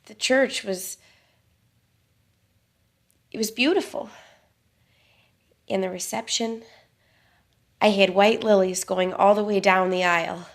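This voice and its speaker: An actress playing a wistful woman fixated on her perfect wedding, soft-spoken and dreamy. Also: mid-range voice, steady tone, slow pace, pauses often.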